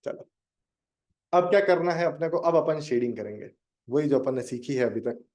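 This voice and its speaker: A man's voice: medium pitch, expressive, moderate pace, darkish tone. A young man teaching a live online drawing lesson, chatting with his students and joking as he guides them step by step. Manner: chatty, addresses students directly and jokes.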